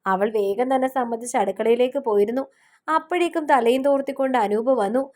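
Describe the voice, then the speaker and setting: Brief: woman audiobook narrator for a romance novel, steady storytelling, fairly high voice. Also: fast.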